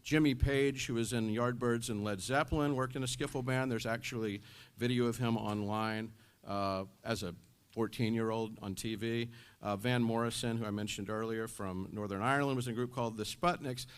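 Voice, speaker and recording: A man's voice: mid-range voice, fairly even intonation, moderate pace, smooth. A man giving a university music-history lecture, explaining as he goes, with frequent restarts. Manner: explanatory, thinking aloud with restarts. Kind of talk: classroom lecture.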